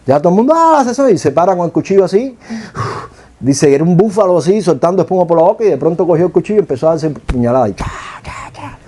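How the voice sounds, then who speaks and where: Cuban male preacher, middle-aged, fairly high and mellow, storytelling sermon with rhetorical questions. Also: expressive, racing. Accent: Cuban Spanish.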